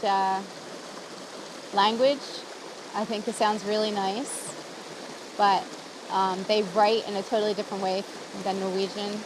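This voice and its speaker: Cooking by an outdoor campfire, this American woman vlogs to the camera in a relaxed, chatty way, giggling frequently. Her voice sits at a medium pitch, with noise in the background.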